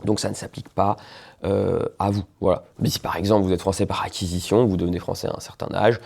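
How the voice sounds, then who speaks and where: Flat in delivery and fast-talking, this man has a low, husky, darkish voice with vocal fry. He's a lawyer discussing nationality law informally on video, talking conversationally while often hesitating and checking in with the viewer.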